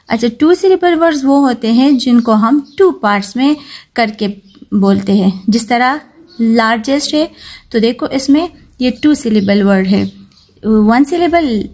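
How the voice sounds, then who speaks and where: A woman from Pakistan teaching a children's textbook lesson, reading English lines slowly and explaining each one in plain words. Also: fairly high pitch, a little mellow. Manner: slow and patient, reads English lines slowly, then explains in Hindi-Urdu.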